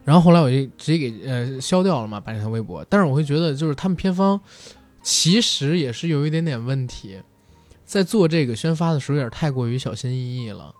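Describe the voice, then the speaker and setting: Male, mid-pitched, very quick casual talker, blunt and colloquial storyteller. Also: lively intonation, darkish tone, soft background music. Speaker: film industry commentator. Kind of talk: casual chat, animated anecdotes.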